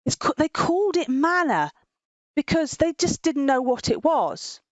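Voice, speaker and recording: A woman tells a children's Bible story in a casual way, using simple explanations, repeating herself often, and chuckling. Her voice sits high and swings widely in pitch, and she keeps a measured pace. There's no room sound in the recording.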